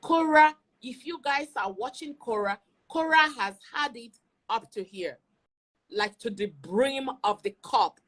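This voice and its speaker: This online video host and commentator leads an opinionated livestream, stressing her points emphatically and repeating phrases to land them. Her fairly high, animated voice has a fairly bright tone and moves a little slowly.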